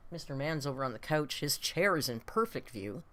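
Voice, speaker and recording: Chatting with her viewers, this late-fifties reaction stream host rambles, pokes fun at herself, speaks bluntly, and swears mildly. Her voice rumbles low yet sounds animated and fairly bright, moving a little fast.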